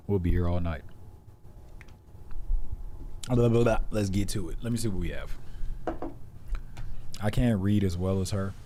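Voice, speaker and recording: A man's voice: low voice, unhurried, pauses often, mellow, a little hiss or hum. A man co-hosting a casual talk show, reading a listener's story aloud with jokes and stumbling asides. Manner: joking, loose, reads with stumbles and asides. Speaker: podcast co-host reading listener stories.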